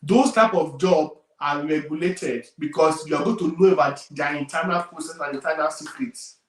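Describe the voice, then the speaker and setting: Nigerian male career coach, emphatic and repetitive, slightly high voice, roomy distant pickup. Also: moderate pace. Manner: emphatic, repeats key points, loudness swings widely. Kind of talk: career advice talk.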